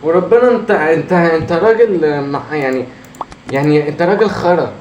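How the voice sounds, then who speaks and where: A gamer with a hoarse, slightly high, somewhat mellow voice and an Egyptian Arabic accent comments on his own gameplay at normal speed. He mutters encouragement to himself and breaks into frustrated outbursts. The dull audio comes from an echoey room with faint noise.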